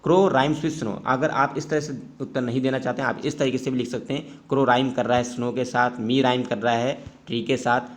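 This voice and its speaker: A man with an Indian English accent explains exam answers patiently, step by step. His voice sits at an ordinary middle pitch. He moves easily between Hindi and English as he teaches. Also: little pitch movement, a little fast, hardly any pauses. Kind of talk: exam-prep lesson.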